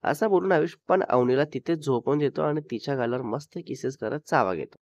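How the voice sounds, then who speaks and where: A man telling a romantic couple story in steady narration. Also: mid-range voice, fairly quick, no room sound. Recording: dull dry sound.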